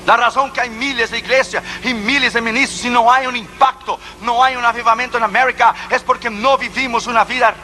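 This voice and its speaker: A man's voice: very high voice, fairly even intonation, brisk, hardly any pauses, bright, forceful tone, a little hiss or hum. A man preaching a sermon as an evangelist, driving his points home with repeated rhetorical questions.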